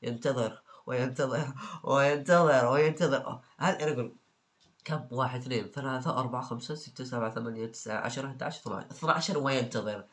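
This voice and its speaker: Fast-talking joking young man. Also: mid-range voice, fairly bright tone. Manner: joking, mock-exasperated, repeats exclamations. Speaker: video host. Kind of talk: reacting to funny exam answers.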